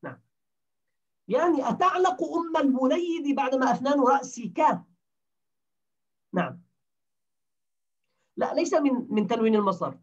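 A man's voice: extremely high pitch, expressive, normal speed, long pauses. A man teaching a grammar class, explaining step by step and quizzing his students with questions. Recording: distant dull lo-fi recording.

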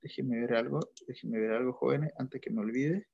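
A man's voice: medium pitch, moderate pace, gravelly, a little mellow, slightly rough, lo-fi sound. A male accounting teacher leading an online class, patiently quizzing students step by step. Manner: questioning students, patient and methodical.

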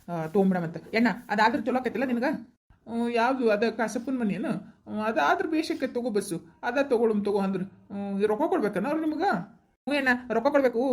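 A woman's voice: mid-range voice, darkish tone, natural voice. A woman playing a helpful young village relative who reassures the family, with a North Karnataka accent. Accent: North Karnataka Kannada. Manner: rapid, reassuring, persuasive.

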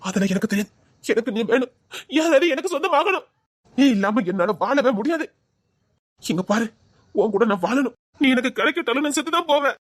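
A woman playing a lovesick young man, pleading fast. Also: sits high, lively intonation, dry recording, studio quality. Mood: desperate. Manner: pleading, repeats her name, emotional threats. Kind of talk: Tamil audio drama acting.

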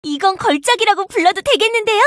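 A voice actress playing a young, earnest and protective firefighter in a game, polite and gentle, snapping into crisp radio-style reports. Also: female voice, extremely high pitch, expressive, quick pace, dry recording, studio quality. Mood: calm, gentle. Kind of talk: game character voice lines. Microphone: dry studio mic.

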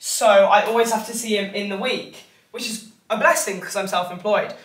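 A woman's voice: medium pitch, moderate pace, husky. A woman, chatting casually to camera as a vlogger, filling her talk with "like" and "literally". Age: 20s. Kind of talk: casual vlog chat to camera. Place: home and car on a rainy day.

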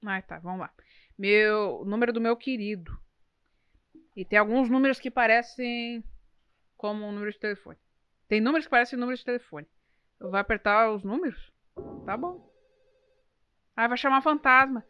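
A woman's voice: a little high, moderate pace, pauses often, clear, resonant tone, no echo, lo-fi sound. A young woman, giving live gameplay commentary, jumpy and exclaiming, swearing at enemies. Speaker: streamer.

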